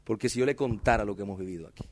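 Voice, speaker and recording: A man's voice: on the low side, very fast, a little mellow. A male pastor, preaching a sermon with impassioned, dramatic emphasis and addressing the congregation directly. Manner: tells personal stories with dramatic emphasis.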